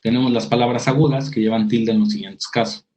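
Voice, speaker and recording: A man's voice: medium pitch, fairly even intonation, fast talker, darkish tone, poor audio. A man teaching a writing workshop. He reads definitions aloud, then explains them with examples, restarting his sentences now and then. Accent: Mexican Spanish. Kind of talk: spoken lecture over slides.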